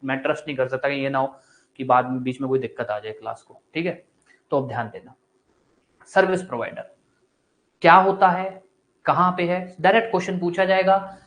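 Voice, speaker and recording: A man's voice: on the high side, brisk, long pauses, fairly bright tone. A male law teacher giving a live online class, asking questions and answering them himself in a casual, encouraging way. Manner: casual and encouraging, mixes Hindi with English terms.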